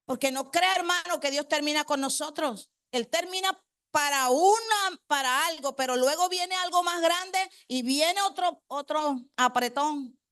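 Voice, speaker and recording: A woman's voice: high-pitched, a little slow, fairly bright tone, dry recording, clean studio sound. A woman preacher delivering a congregational sermon. She quizzes the congregation with rhetorical questions and repeats key phrases for emphasis.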